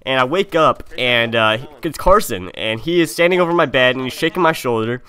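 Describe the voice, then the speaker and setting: A young adult game streamer tells a story over gameplay from an indoor gaming setup, speaking informally with slang and acting out the dialogue. His mid-range voice is brisk, lively, pushed and bright yet smooth, captured on a close mic.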